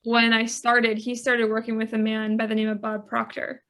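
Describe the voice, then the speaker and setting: A woman with a fairly high, gravelly voice speaks as a life coach on a podcast. She tells her story earnestly, leaning on casual "like" fillers, and her pitch stays flat and level throughout. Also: moderate pace. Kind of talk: podcast interview.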